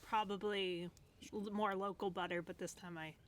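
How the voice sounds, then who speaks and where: A woman's voice: mid-range voice, steady tone, moderate pace, a little hiss or hum. A woman chatting casually as a cooking guest, giggling and hedging with "like" and "I guess". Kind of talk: casual chat.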